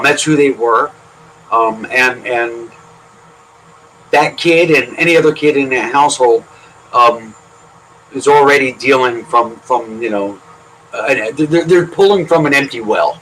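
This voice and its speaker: A man on a podcast panel making a measured point in casual chat, with many pauses and fillers. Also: medium pitch, fairly bright tone, a little hiss or hum, poor audio.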